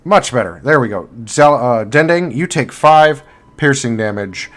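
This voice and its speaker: A man's voice: medium pitch, a little slow. Easygoing man running a tabletop game. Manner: relaxed, rambling with fillers and self-corrections. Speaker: game master. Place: home streaming setup.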